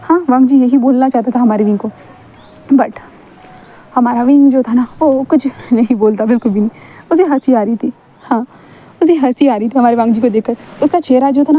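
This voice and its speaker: A woman's voice: a little high, warm tone. A woman narrating a fan fiction story in a chatty, repetitive way, mixing in English words.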